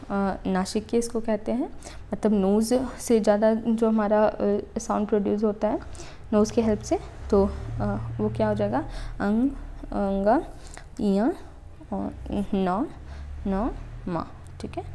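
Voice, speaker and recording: A woman teaches an exam-prep grammar lesson. Her voice sits at an ordinary middle pitch a dark, mellow tone. She sounds out each letter slowly and checks in her students after almost every point. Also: vocal fry, slight background noise. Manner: explains step by step, repeating "ठीक है" to check understanding.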